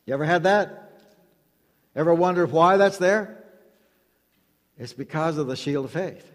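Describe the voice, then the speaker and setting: A man's voice: fairly high pitch, a little slow. Emphatic preacher man in echoing hall. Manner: emphatic, repetitive preaching with call-and-response. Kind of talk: sermon. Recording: long hall reverb.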